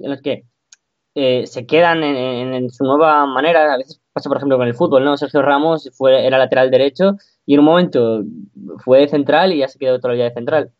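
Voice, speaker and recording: A man co-hosting a casual podcast, relaxed and opinionated, who swears casually. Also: medium pitch. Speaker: podcast co-host. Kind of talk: casual wrestling podcast chat. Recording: slightly dull, lo-fi sound.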